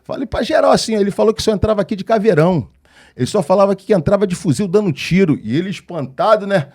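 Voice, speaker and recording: A man with a Rio de Janeiro accent, a pastor and podcast guest, telling stories in an animated way and acting out the dialogue. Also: high voice, fast talker. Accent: Rio de Janeiro Portuguese. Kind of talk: storytelling in a podcast interview.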